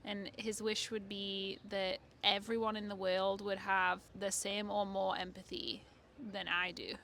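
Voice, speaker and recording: Young english woman, bright and a bit gravelly, chatty, says like a lot. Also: mid-range voice, little pitch movement, measured pace, slight background noise. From northeast England. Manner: chatty, laughing, lots of "like". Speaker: interviewee. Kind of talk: casual street interview. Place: city street outdoors.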